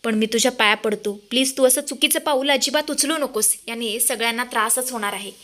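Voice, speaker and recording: A woman voicing a panicked young man who shouts and pleads with his sister in a retold serial. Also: a little high, brisk, close to an everyday voice. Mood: pleading.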